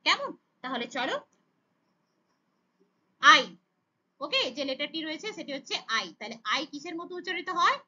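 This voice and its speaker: A woman's voice: high voice, sing-song, moderate pace, long pauses, pushed and bright, muffled recording. A woman teaching children phonics, sounding out letters and blending them into words, checking in with "okay?" after each step. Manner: sounds out letters then blends, asks rhetorical questions with "okay?".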